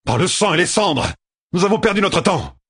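A man voicing a stubborn, resolute young male hero in an audiobook, making firm, measured declarations in a husky voice. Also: medium pitch, animated, no room sound, clean studio sound, pitched above the performer's own voice.

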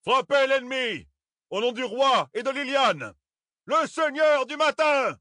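A man voicing soldiers shouting battle cries in an audiobook. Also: extremely high pitch, expressive, measured pace, no room sound, clean studio sound, pitched above the performer's own voice, exaggerated voice. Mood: battle cry. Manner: shouting, commanding.

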